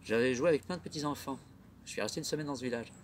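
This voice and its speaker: A man's voice: medium pitch, rapid-fire, slight background noise. A middle-aged man hosting his own comedy web show, rambling through a theatrical monologue full of rhetorical questions. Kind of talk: casual monologue.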